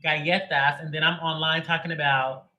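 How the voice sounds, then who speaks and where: Before a live tarot reading, the host, a man with a fairly high, pushed and bright voice, chats casually at a moderate pace, greeting viewers by name and joking around. The recording is low quality.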